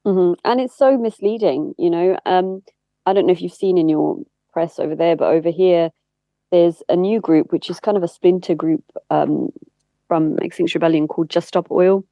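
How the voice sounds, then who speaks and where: A woman speaks at a moderate pace in a low, creaky, dark voice, and the audio is dull with no echo. She's an interview guest, a campaigner and former spokesperson, explaining candidly and earnestly in conversation.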